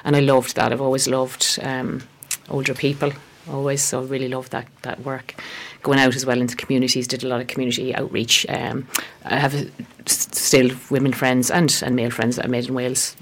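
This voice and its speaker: A woman in her fifties with a West of Ireland accent, reminiscing conversationally as an interview guest in a halting, reflective way. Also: very deep voice, level tone. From West Galway, Ireland. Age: 50s. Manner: halting, reflective, peppered with "you know". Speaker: interview guest, herbalist and therapist.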